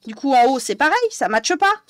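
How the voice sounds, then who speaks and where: A woman's voice: sits high, very animated, normal speed. A young woman from northern France, live-streaming and chatting with viewers, exasperated and swearing often. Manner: exasperated, swears a lot, talks to chat. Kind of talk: live-stream chat while coloring.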